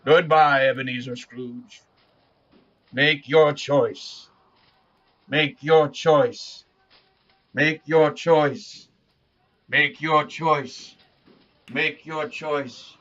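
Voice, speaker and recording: A man's voice: fairly high pitch, steady tone, drawn-out words, pauses often, fairly bright tone, highs cut off. A man playing a mocking, grandiloquent ghost in an audio play, declaiming his insults in a theatrical way. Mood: insistent, ominous. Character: scornful, theatrical male Ghost of Christmas Present.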